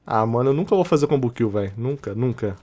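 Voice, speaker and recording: A man with a Rio de Janeiro Brazilian accent giving casual, excitable gameplay commentary, taunting enemies and laughing as he plays. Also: mid-range voice, quick pace. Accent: Brazilian Portuguese, Rio de Janeiro. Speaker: gaming channel host.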